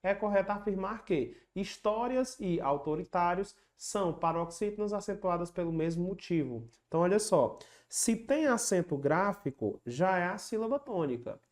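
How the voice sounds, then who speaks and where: A patient teacher walking students through exam questions in an online lesson, saying each rule more than once. The voice sits at a middle pitch, and the delivery slips into chanted rhymes to make the rules stick. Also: lively intonation, moderate pace, hardly any pauses, a little mellow. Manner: patient and explanatory, repeats key rules; chants rhyming memory tricks.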